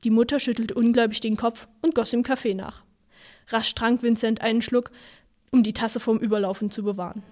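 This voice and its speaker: A woman reading a short story aloud, with a lively delivery that shifts for the characters. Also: a little high, fairly quick. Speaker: reader.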